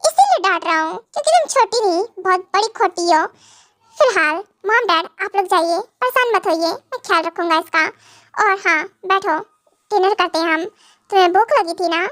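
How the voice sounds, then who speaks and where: Short-fused young husband, voiced by a woman, fan audio drama, very high voice. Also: animated, normal speed, fairly bright tone, no room sound, clean studio sound. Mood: scolding. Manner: scolding, stubborn. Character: hot-tempered young husband.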